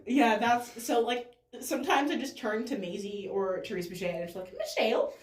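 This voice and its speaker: A woman's voice: a little high, fairly even intonation, brisk. Giggly rambling young woman, echoey room. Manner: giggly, rambling with many fillers. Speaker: podcast co-host. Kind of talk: casual chat.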